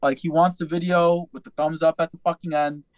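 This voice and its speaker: A man's voice: on the high side, brisk, dry recording. A young adult man telling stories in a casual, profane podcast chat. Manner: profane, animated storytelling. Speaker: podcast host.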